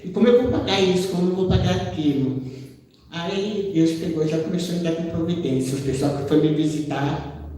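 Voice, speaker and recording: A woman missionary shares her testimony at church in a mellow, easygoing voice, slipping into the voices of the people in her story. She sounds far from the microphone, and a long reverb fills the hall around her. A faint background noise runs underneath. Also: deep voice, brisk. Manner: conversational storytelling, often tags sentences with "né?"; acts out quoted dialogue within her story.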